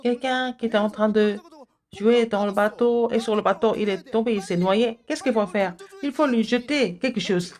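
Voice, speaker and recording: A woman giving a children's sermon, asking the kids questions and answering them, with sudden high exclamations. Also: moderate pace, darkish tone. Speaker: kindergarten preacher.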